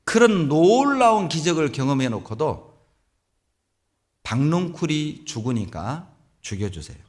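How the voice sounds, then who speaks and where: A middle-aged male pastor preaching a sermon in a church, telling Bible stories with animated delivery. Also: on the high side, normal speed. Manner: animated storytelling, acts out biblical voices. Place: church sanctuary.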